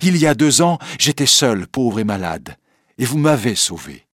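A man's voice: mid-range voice, very animated, moderate pace, dry recording, studio quality, voice pushed up. A man voicing a grateful old woman. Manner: warm, eager, grateful.

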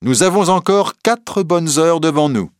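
A man voicing a bold, cheeky young male reporter who speaks up loudly and insistently in court. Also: fairly high pitch, animated, measured pace, dry recording, clean studio sound, voice pushed up. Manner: brash, insistent, loud.

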